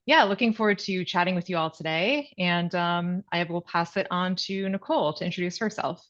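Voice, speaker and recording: A woman presents product updates on a video call in a chatty, upbeat way. Her voice sits a little low and sounds dull and lo-fi through the call audio. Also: fairly quick, fairly bright tone. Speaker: product director presenting a webinar. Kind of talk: casual presentation. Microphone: video call mic.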